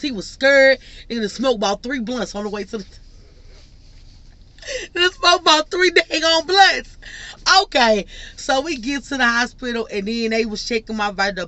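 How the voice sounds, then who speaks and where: A young woman with a bright, forceful voice tells a personal story in a loose, rambling way. She speaks straight to her viewers and keeps circling back, restarting and piling on detail. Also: on the high side, fairly quick, hardly any pauses, no room sound. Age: young adult. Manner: rambling and excitable, often addressing viewers directly. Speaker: vlogger. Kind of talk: casual storytime.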